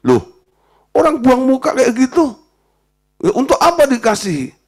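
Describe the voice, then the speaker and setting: A man's voice: very high-pitched, moderate pace. A man preaching a sermon as pastor, acting out dialogue from stories as he teaches. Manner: animated preaching, acts out quoted dialogue.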